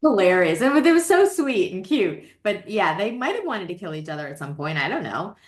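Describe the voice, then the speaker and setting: A woman's voice: medium pitch, sing-song, fairly quick. A woman hosting a casual library book chat, talkative and self-deprecating, laughing often. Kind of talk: casual chat about books.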